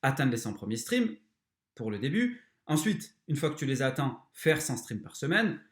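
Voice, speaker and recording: A man's voice: mid-range voice, sing-song, moderate pace, reverberant. A man hosting a motivational self-help podcast, talking bluntly and crudely straight to the listener. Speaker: podcast host.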